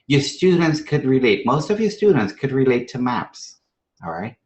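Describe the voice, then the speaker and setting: Echoey room sound and lo-fi audio carry this fairly low-pitched man from Trinidad and Venezuela as he gives teachers a live math strategy session. His delivery is emphatic and conversational, sprinkled with rhetorical questions and frequent check-in tags.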